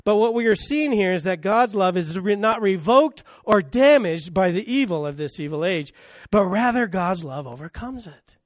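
High-voiced emphatic male preacher. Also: animated, normal speed, few pauses, no room sound, studio quality. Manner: emphatic, with rhetorical questions and swings in volume. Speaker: pastor. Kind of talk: sermon.

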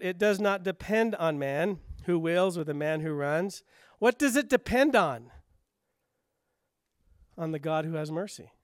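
A male pastor preaching a sermon, driving home rhetorical questions with emphasis, then dropping low and quiet. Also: dry recording, studio quality.

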